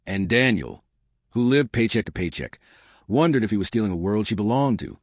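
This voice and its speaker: A man tells an emotional story in a scripted, dramatic way. His voice sits low, yet it rises and falls with feeling. It is recorded dry and close, with no room around it. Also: lively intonation, brisk, no echo. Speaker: story channel narrator.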